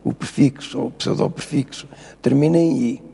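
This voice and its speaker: A man's voice: mid-range voice, expressive, normal speed, creaky, dark tone, husky, in a large hall. An older man with a European Portuguese accent, a professor explaining spelling rules in a TV interview, lecturing and insistent. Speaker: linguistics professor, guest. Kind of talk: TV studio interview.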